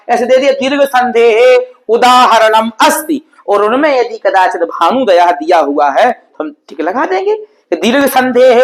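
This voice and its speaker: A man's voice: high voice, a bit bright, low-quality recording. Patient man teaching at a board. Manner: patient, repetitive explaining with frequent "है ना?" check-ins; stretches out and sounds out example words slowly. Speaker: Sanskrit teacher. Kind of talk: exam-prep lesson explaining grammar at a board.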